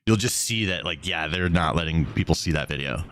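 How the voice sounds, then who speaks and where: A man's voice: sits low, fairly bright tone. A man streaming casually and directing an editor in a blunt, bossy, sweary way, drawing out his S sounds. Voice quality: drawn-out S sounds. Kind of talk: casual live-stream talk.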